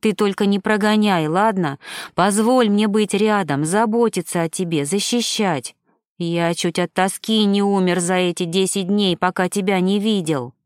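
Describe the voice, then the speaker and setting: A woman reading an audiobook, voicing a tender, devoted young man in a lowered, doting voice. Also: moderate pace, smooth, dry recording, studio quality, natural voice. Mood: pleading.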